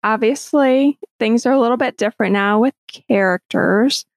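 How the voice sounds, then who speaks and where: A woman's voice: a little high, normal speed, creaky, no echo. A woman in her thirties hosting a casual chat, upbeat and chatty, laughing easily as she talks. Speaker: host.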